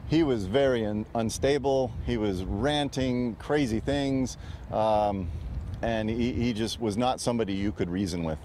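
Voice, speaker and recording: An American man giving a halting, plain-spoken eyewitness account in a live street interview outdoors. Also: lowish voice, mellow. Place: outdoors in a parking lot. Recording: outdoor ambience, faint street noise.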